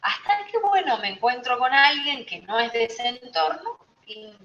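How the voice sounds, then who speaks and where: A woman's voice: high voice, lively intonation, moderate pace, fairly bright tone. Rioplatense woman, astrology teacher, chatty lesson style that keeps checking in with the group; echoey room. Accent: Rioplatense Spanish. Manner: conversational, checks in with listeners often. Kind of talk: informal teaching talk to a group. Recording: roomy, slightly dull recording.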